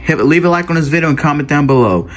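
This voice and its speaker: A man's voice: on the high side, expressive, quick pace, background noise. A man wrapping up his homemade cartoon video as channel host, talking casually and stumbling over his words.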